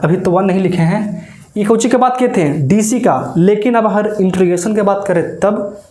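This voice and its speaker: A man's voice: high voice, moderate pace, dark tone. A man teaching a maths coaching class, chatty and often checking whether his students follow. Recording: echoey classroom.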